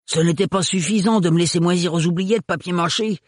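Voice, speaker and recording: A man voicing a burly, rough-spoken male mechanic who blusters loudly, in a raised, strained voice. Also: sits high, normal speed, dry recording, clean studio sound, pitched above the performer's own voice. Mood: taunting. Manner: loud, rough and working-class.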